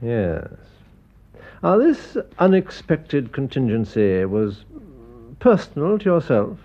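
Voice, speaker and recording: In a classic radio drama, a male actor plays an eminent Harley Street physician, smooth and authoritative, speaking Received Pronunciation with a formal, measured bedside manner. His medium-pitched voice is warm and swings widely in pitch, his mood measured and probing. The recording sounds lo-fi.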